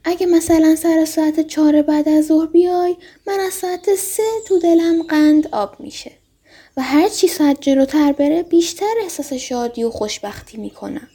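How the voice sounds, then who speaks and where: A woman voicing a wistful, gentle fox who longs for friendship, in a storybook reading. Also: high-pitched, voice pushed up. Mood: longing. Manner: gentle, heartfelt, pleading.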